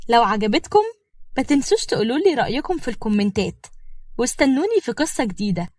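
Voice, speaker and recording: A woman storyteller with an Egyptian Arabic accent, narrating in a plain, steady way. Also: a little high, quick pace, dry recording.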